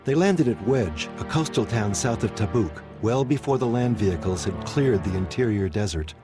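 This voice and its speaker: A man's voice: lowish voice, expressive, normal speed. A man reading scripted documentary narration as the narrator. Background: music bed.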